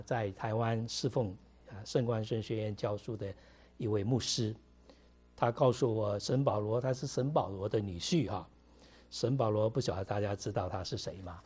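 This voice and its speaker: A man's voice: medium pitch, mellow, husky. A middle-aged man, preaching a conversational sermon to his congregation with many fillers. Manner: conversational preaching, mixing English words, frequent fillers. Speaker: pastor.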